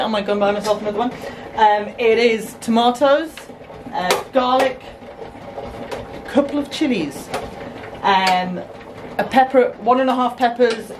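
Chatty woman in a noisy kitchen. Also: on the high side. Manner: chatty, explains as she works. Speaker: homestead vlogger. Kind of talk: casual kitchen chat. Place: small home kitchen, indoors. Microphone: camera mic on the counter. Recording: noisy kitchen camera audio.

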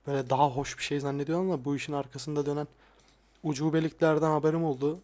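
A young man talking casually and softly, often swearing, as he looks back at his old videos. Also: fairly even intonation, very fast. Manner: crude, frequent swearing; soft-spoken, dropping voice low at times. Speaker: ASMR YouTuber. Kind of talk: casual soft-spoken vlog. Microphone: lapel mic.

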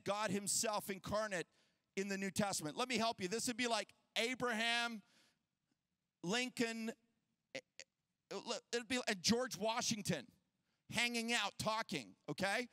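A male pastor preaching a sermon at a conference, energetic and casual, joking and using slang. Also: sits high, measured pace, no echo. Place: conference stage before a crowd.

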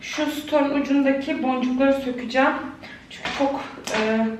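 Casting note: young woman, home vlogger, tired but chatty, voice bouncing around a bare unfurnished room, slightly high pitch. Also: fairly even intonation, moderate pace, far from the mic. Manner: chatty, talking straight to her viewers. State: worn out from a long day of work. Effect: echo of a bare, empty room with no furniture. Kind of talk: casual chatty vlog while renovating. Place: indoors, a small freshly painted empty room at home. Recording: echoey empty room with faint ambient noise.

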